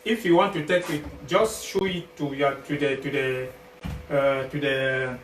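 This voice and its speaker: A Cameroonian man with a Cameroonian accent, a health product sales partner appearing as a guest presenter, gives an informal livestream product pitch, halting and repeating or rephrasing phrases several times. His voice is medium-pitched, fairly even in intonation, and a bit bright. The distant livestream mic sounds echoey and noisy.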